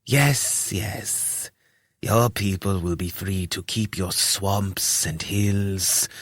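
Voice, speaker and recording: A man voicing a short, robed, fanatical priest who speaks with a lisp in a hushed, whispery way. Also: low voice, extremely slow, slightly rough, no room sound, full character voice. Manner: hushed, whispery, distant delivery.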